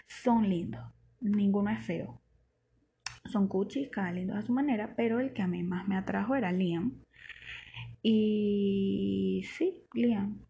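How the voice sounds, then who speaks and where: A young woman from Venezuela with a Venezuelan accent, telling a personal story in a chatty, animated, slangy way. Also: medium pitch, breathy edge. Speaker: vlogger. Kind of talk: casual storytelling.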